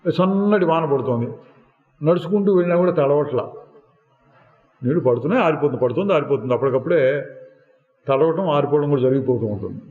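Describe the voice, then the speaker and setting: A man giving a slow, deliberate spiritual discourse, asking rhetorical questions and singing lines of verse now and then. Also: on the high side, animated. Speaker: spiritual teacher. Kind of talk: satsang discourse. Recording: echoey hall, phone-like lo-fi sound.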